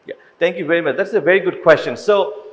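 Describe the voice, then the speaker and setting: A high-pitched man from Bangladesh answers on a panel in a measured, explanatory way, sprinkling in plenty of "you know." A large ballroom gives his voice a long, ringing reverb.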